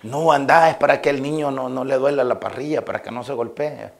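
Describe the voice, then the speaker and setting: Speaking briskly with vocal fry and fairly even intonation, this medium-pitched man is a pastor with a Salvadoran accent. His sermon to the congregation mixes folksy anecdotes aimed at listeners with emphatic moments that hammer home his points.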